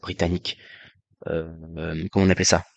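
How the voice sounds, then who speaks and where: A man's voice: sits low, level tone, a little fast, vocal fry, no room sound, muffled recording. A man streamer talking casually and hesitantly to his viewers, with many fillers and restarts, in a friendly, joking way. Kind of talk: casual live-stream talk.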